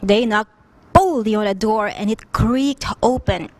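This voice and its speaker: A woman telling a children's story in a slow, animated, expressive way. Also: medium pitch, noisy background.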